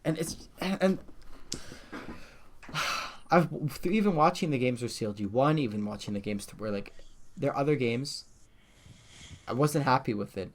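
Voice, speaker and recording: Animated, ranting man chatting esports. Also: medium pitch, moderate pace, long pauses, slight background noise. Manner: animated, swearing, laughing, ranting. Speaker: podcast co-host. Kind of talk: casual esports chat.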